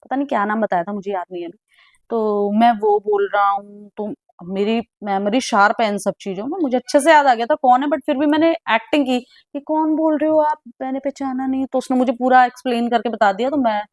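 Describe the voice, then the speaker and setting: A young woman recounting a personal story in a casual, animated way, with exclamations and English words mixed into her speech. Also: fairly high pitch, brisk, no room sound, studio quality.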